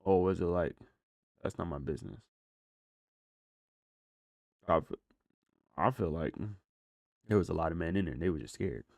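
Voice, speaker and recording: Low voiced american guy doing casual reaction commentary, slangy, kinda reflective, dry close recording. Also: fairly quick, gravelly, pauses often, dry recording. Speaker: commentator reacting to video footage.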